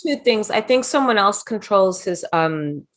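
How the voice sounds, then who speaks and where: A woman's voice: mid-range voice, lively intonation, a little slow. A middle-aged woman guest in a casual interview, telling chatty anecdotes and slipping into quoted voices. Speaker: interview guest, former wrestling manager.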